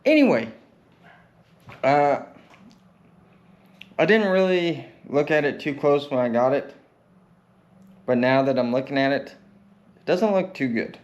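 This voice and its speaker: A man's voice: medium pitch, animated, a little slow, pauses often, highs cut off. A man talking casually in a vlog with a slight lisp, his face numb from the dentist, in a laid-back, wry way. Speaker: DIY truck mechanic vlogger and welder. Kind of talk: casual, unscripted vlog talk.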